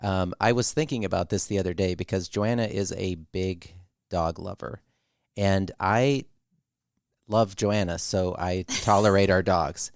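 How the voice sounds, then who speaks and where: A man co-hosting a faith and family podcast, talking loosely with fillers and little asides. His voice sits low and gravelly. The room is dry, with no echo at all. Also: measured pace. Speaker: podcast co-host. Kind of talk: casual podcast chat.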